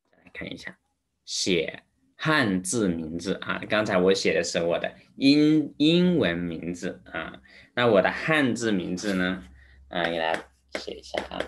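A man teaching Chinese vocabulary, repeating each word slowly and adding English glosses, with a Mandarin accent. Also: low voice, noisy background. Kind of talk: vocabulary lesson.

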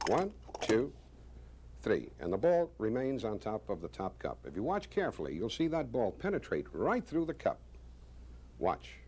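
A man in his sixties, a magician presenting a demonstration with deliberate, showman-like, wryly self-praising patter. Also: on the low side, wildly swooping pitch, a little mellow. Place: small indoor studio stage with curtain. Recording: faint background noise.

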